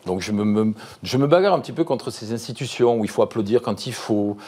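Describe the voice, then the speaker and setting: A middle-aged man chats as a guest on a TV show, rattling along quickly and restarting sentences as ideas tumble out. His voice sits low and warm-toned in plain conversation. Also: slightly rough. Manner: lively, fast, restarts mid-sentence. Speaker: guest, musician and comedian. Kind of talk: casual TV interview.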